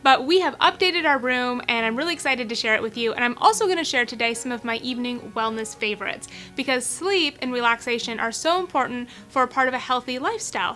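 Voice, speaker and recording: A woman's voice: fairly high pitch, sharp tone. A young woman chatting enthusiastically to her viewers in a lifestyle vlog, filmed in her bedroom. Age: young adult. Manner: bubbly, enthusiastic, addresses viewers as you guys. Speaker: lifestyle vlogger. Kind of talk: upbeat product vlog. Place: bright bedroom, indoors.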